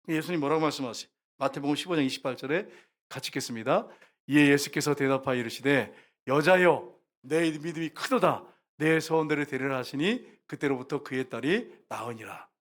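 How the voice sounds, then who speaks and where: A man's voice: medium pitch, fairly bright tone. A man preaching a sermon as pastor, talking to the congregation and acting out quoted lines from scripture. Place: church sanctuary.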